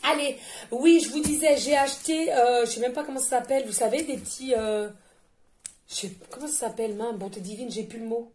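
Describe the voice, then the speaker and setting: Woman medium, high voice, gushing and talkative, speaks right to her audience during a card reading. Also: brisk, a little mellow. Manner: effusive, exclamatory, chatty; addresses listeners directly and often. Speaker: tarot and oracle card reader. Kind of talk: channeled card reading for viewers.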